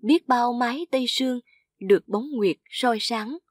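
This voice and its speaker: A woman narrating a classical tale in a measured way, reciting old verse. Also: on the high side, no room sound.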